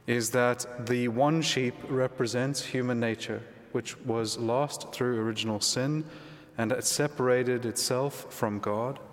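A man, a priest, reading the gospel and preaching in a measured, reflective way, his voice ringing with a cathedral-like echo. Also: mid-range voice. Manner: measured, reflective, conversational asides. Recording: long echoing church reverb.

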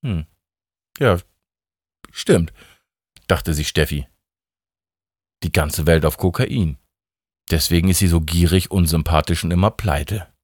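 A man with a northern German accent reading a story aloud on radio, in a deadpan, low-key way. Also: normal speed, long pauses, no echo, studio quality. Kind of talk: scripted narration. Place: studio.

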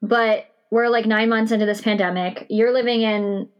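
A woman's voice: fairly high pitch, fairly even intonation, normal speed, clear, resonant tone, muffled recording. A woman hosting a podcast in a casual, conversational way, hedging often as she talks informally. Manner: informal, hedging with "like" and "you know". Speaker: podcast host. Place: recorded in a shed.

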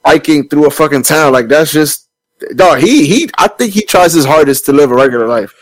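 A man's voice: a little high, brisk, no room sound. A man co-hosting a casual podcast, talking loosely and profanely with frequent restarts. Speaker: podcast co-host. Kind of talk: casual chat.

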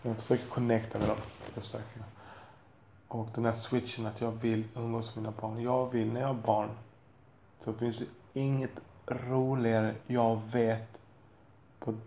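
A man's voice: mid-range voice, flat delivery, mellow, echoey room, muffled recording, a little hiss or hum. A man talking frankly about being a father, in a blunt, profane and rambling way with self-deprecating asides. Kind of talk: candid monologue.

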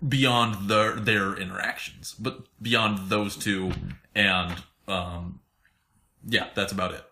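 A man's voice: on the low side, fairly even intonation, slow, bright, forceful tone. A man co-hosting a casual podcast chat, hesitant and searching for words.

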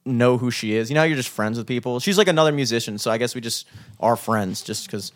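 A young man tells a story in a loose, rambling way, with likes and curse words piling up as he goes. His voice sits in an ordinary middle pitch. It is casual chat among friends. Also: fast. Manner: rambling, lots of fillers and swearing. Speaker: musician.

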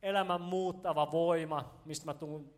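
A man preaching a sermon, telling a personal story in a casual, joking way and talking straight to the congregation. His voice rises and gets loud when he gets excited. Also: on the high side. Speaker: pastor. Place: church stage before a congregation.

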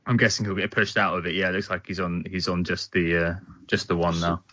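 A man's voice: low voice, level tone, brisk, sharp tone, dry recording. A man chatting casually and jokingly about football as a podcast guest on an internet call. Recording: muffled internet call audio.

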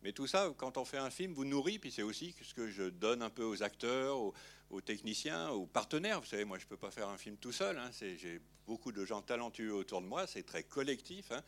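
A man's voice: mid-range voice, sing-song, fairly quick, a bit bright. A film director talking in an interview, rambling and peppering his sentences with little fillers. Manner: rambling, filler-heavy, frequent "hein". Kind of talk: interview conversation.

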